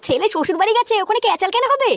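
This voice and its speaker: A woman's voice: extremely high pitch, animated, very fast. A woman voicing a nagging, bickering middle-aged mother in a Bengali cartoon. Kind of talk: cartoon voice acting. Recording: cartoon dub with music behind.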